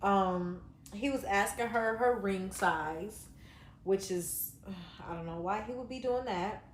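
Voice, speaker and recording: A woman's voice: mid-range voice, takes it slowly, echoey room, a little hiss or hum. A woman giving a casual reaction review of a reality show, talking bluntly with lots of fillers and some swearing. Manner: rambling, filler-heavy, blunt and profane.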